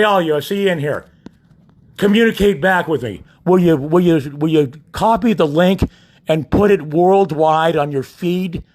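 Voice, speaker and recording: A man's voice: a little high, a little mellow. A man livestreaming from a hospital room on his phone, talking in a belligerent, profane way. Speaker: patient livestreaming from a hospital bed. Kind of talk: ranting livestream monologue. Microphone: phone held by the speaker.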